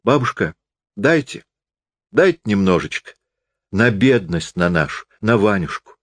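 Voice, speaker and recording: A man's voice: on the low side, sing-song, measured pace, no echo. A man reading a story voices an anxious, pleading poor peasant woman.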